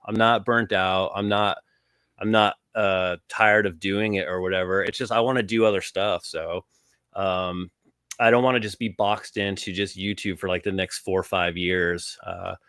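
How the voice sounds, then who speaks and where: A man in his forties, a guest on a casual livestream chat, talking in halting, easygoing sentences full of fillers and "man". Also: lowish voice, fairly bright tone, smooth, no room sound, studio quality. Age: 40s. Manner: halting, many fillers, says "man" often.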